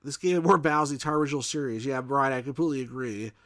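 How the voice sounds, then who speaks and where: A man's voice: mid-range voice, fairly even intonation, a bit bright, dry recording. Guy w/ slight new york accent streaming a retro game, muttering thru it and reading chat, dry close mic. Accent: mild New York. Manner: thinks aloud, reads chat, halting. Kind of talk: casual live gameplay commentary.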